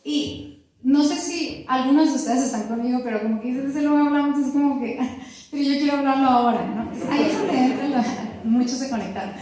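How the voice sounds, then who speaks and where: A middle-aged woman leads a church class on marriage, her voice sitting high for a woman. She talks in a lively, chatty way and acts out snippets of dialogue. The sound rings in a very echoey church hall. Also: a little fast, a little hiss or hum. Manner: lively and conversational, with laughs and acted-out quotes. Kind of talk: church teaching talk. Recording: very echoey room.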